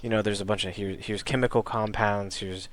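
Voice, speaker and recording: A young man running a tabletop game as game master, narrating in a rambling way with many pauses and restarts. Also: lowish voice, fairly even intonation. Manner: rambling, full of ums and restarts.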